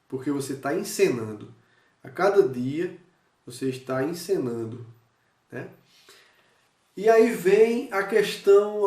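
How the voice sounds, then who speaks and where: A male teacher giving a recorded review lesson, speaking straight to his students and checking in often with quick questions. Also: fairly high pitch, darkish tone. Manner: talks straight to students, checks in with frequent "certo?" and "né?"; demonstrates with gestures and changes of voice. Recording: echoey room, voice from a distance.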